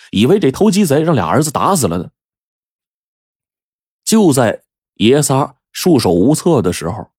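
A man's voice: mid-range voice, dark tone, husky, dry recording, studio quality. A man telling a story in a chatty, digressive way with plenty of fillers. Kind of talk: casual oral storytelling.

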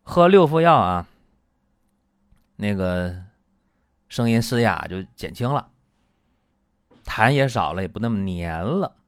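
Low-voiced, chatty male health host. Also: slow, pauses often, no room sound. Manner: lively and colloquial, acts out patients and doctors. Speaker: host and traditional Chinese medicine practitioner. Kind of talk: chatty medical talk show.

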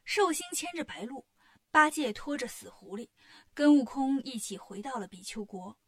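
Bright-voiced woman telling a storybook tale. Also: high voice, moderate pace. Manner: lively, expressive storytelling. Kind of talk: storybook narration for children.

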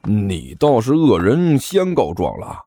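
A man's voice: fairly low pitch, huge pitch swings, takes it slowly, mellow, breathy edge, no room sound, clean studio sound, full character voice. A man voicing a prim, self-righteous schoolmate with a sneering, tattling manner. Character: snide, prim male schoolmate who tattles.

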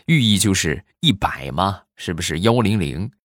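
A man telling jokes in a stand-up style, animated and acting out the people in his stories. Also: deep voice, normal speed, no echo, studio quality. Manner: animated, acts out quoted characters in raised voices.

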